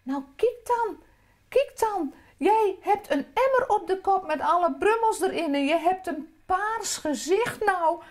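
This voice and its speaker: A woman with a Drents accent voicing a kind, amused gnome mother who speaks in a warm, motherly way. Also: very high voice, expressive, a little slow, pitched above the performer's own voice.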